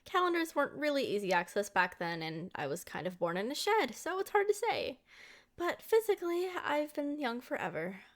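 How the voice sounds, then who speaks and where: Her voice sits high and her pace is moderate as she voices the ageless-yet-youthful vampire girlfriend in this ASMR roleplay. Speaking to the listener expressively with sweetness and affection, she's playful and explaining.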